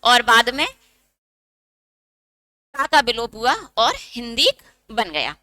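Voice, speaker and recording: Bright, high-voiced woman teacher. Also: big pitch swings, slow pace, no echo. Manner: asks students questions and answers them herself; dictates note points. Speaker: Hindi teacher. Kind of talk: exam-prep lecture.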